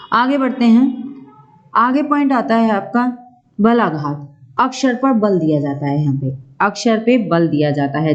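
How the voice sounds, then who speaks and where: Female grammar teacher, exam-prep lecture, unhurried and repetitive, dull lo-fi sound. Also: medium pitch, darkish tone. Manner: slow, repeats points, keeps checking with "ठीक है".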